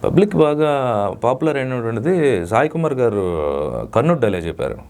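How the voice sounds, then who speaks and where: A man, a dubbing artist, giving emphatic, lecturing interview answers with sudden loud rises. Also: medium pitch, expressive, fairly quick.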